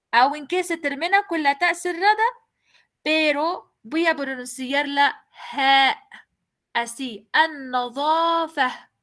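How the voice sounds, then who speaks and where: A woman's voice: high-pitched, pushed and bright. A woman teaching a language class, explaining patiently, repeating each point and asking her students questions. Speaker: Arabic teacher.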